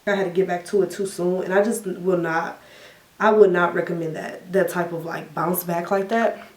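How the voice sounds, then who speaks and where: A young woman vlogger telling a story in a casual question-and-answer chat, animated and laughing often, acting out her own reactions in a higher voice. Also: moderate pace, distant mic. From United States. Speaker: beauty vlogger. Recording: echoey room, a bit off mic.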